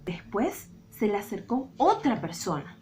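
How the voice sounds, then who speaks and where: A woman with a Rioplatense Spanish accent, a Sunday school teacher telling a Bible story to children in an expressive, dramatic way. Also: mid-range voice, measured pace.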